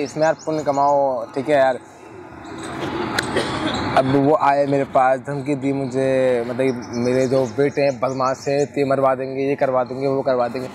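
A young man vlogging, defiant in an argument, then talking to the camera in a reflective way. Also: mid-range voice. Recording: noisy outdoor street with traffic.

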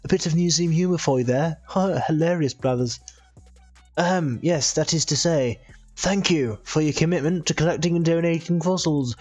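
A man's voice: on the high side, normal speed, a little mellow, no room sound, voice pushed up, natural voice. A man putting on a stuffy old owl curator. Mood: pompous. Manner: formal, stuffy, chuckling at own puns. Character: pompous old male owl museum curator.

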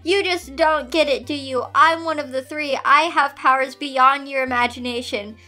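A woman's voice: high voice, steady tone, moderate pace, pushed and bright, soft background music. A woman voicing a villainous female warrior cat who gloats in a mocking, theatrical way. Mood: gloating.

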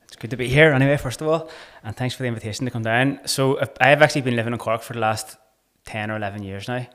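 A man in his thirties from Belfast, Northern Ireland, speaks quickly in a mid-range, fairly bright voice. He's a podcast guest in casual conversation, earnest and searching, often restarting sentences, recorded on a boom-arm desk mic in a small, bright studio room.

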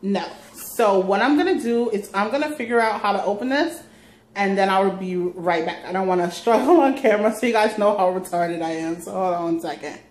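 A woman's voice: medium pitch, fairly quick, darkish tone. A young woman chatting casually in a gushing, slangy, self-deprecating way, recorded on a phone in a living room. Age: young adult. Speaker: vlogger. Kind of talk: casual chatty unboxing vlog. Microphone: phone on a selfie stick, sometimes set back at a distance. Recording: roomy living room, background noise.

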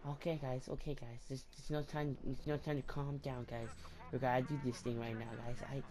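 A man giving casual, crude gameplay commentary, joking and repeating himself, with sudden loud excited outbursts. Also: medium pitch, fairly quick, a crowd in the background. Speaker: gameplay video maker.

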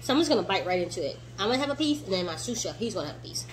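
A woman's voice: medium pitch, sing-song, rapid-fire, slight background noise. A woman hosting a casual home cooking vlog, chatting to viewers as y'all and savoring her food with lots of mm sounds. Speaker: cooking vlogger. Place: home kitchen.

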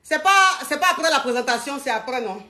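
A woman with a slightly high voice chats casually on a live stream, calling her viewers family. She sounds out of breath and hot from exertion. Her voice rings around an echoey room. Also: expressive, fairly quick, pushed and bright. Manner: chatty, scattered, talks to viewers as family. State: out of breath, sweating.

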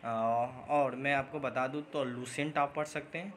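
In a casual vlog for his job-update channel, a man replies to viewers with rambling speech, many fillers and restarts, and mixed-in English, admitting he occasionally speaks too quickly. The audio is poor with slight background noise, and his medium-pitched voice is steady and fairly bright.

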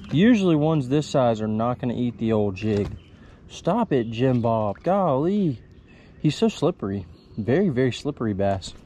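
A man's voice: mid-range voice, mellow, a little hiss or hum. A young man chatting casually to the camera as he fishes from a kayak on a creek, talking to the fish and using mild exclamations. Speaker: fishing vlogger. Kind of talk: casual running commentary. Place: small kayak on a wooded creek outdoors. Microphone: chest-mounted action camera.

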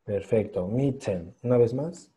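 A man leads an online pronunciation class. His voice is dark and mellow as he repeats each sound slowly and patiently. He praises students warmly after each try. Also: on the low side. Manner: patient, encouraging, drills sounds by slow repetition. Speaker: English pronunciation teacher.

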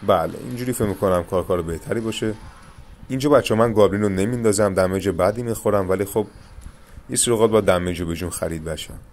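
Young male gaming creator, deep voice, calm coaching play-by-play, faint hiss behind. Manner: calm, coaching, addresses viewers as "guys". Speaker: gaming YouTuber. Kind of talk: live gameplay commentary.

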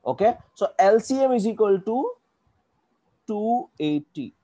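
A man with an Indian accent leads an online maths class in a relaxed, mellow voice. He explains one step at a time and keeps checking that learners follow. The sound is fairly dry, with little room echo. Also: high voice, measured pace. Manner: checks understanding often with short questions. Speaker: maths teacher. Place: indoors, online video class.

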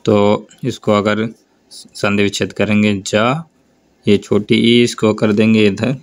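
A man teaching a grammar lesson for board exams, explaining slowly and over and over telling students to look and answer. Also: on the low side, level tone. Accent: North Indian Hindi. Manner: slow, drawn-out explanation with repeated prompts to look.

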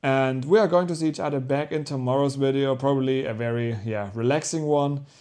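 A young man from Germany talking casually to camera as a vlog host, telling his story in an animated, rambling way with self-corrections. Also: medium pitch, brisk. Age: young adult. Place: small rooms at home, indoors.

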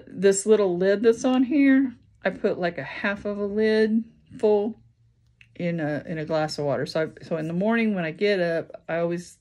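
A tired woman with a Midwestern American accent talks casually to her camera at home. Her voice sits a little low, and she rambles along with plenty of ums and self-corrections. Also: darkish tone. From Indiana, USA. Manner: rambling, many ums and restarts. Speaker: vlogger. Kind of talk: casual chat.

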